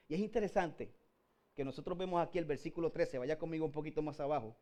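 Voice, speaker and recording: His voice warm and on the high side, a Puerto Rican-accented preacher repeatedly calls his listeners "hermano" (brother). The sermon keeps rising to emphatic peaks.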